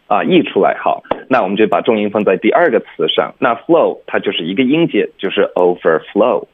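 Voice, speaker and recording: A man's voice: lowish voice, big pitch swings, fairly quick, slight background noise. A man teaching English pronunciation on a radio lesson, explaining patiently step by step and often checking in with "OK?", heard over a phone line.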